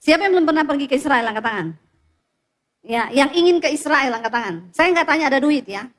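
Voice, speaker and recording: A woman pastor with a high voice preaches quickly. She tells lively stories and draws the congregation in with questions.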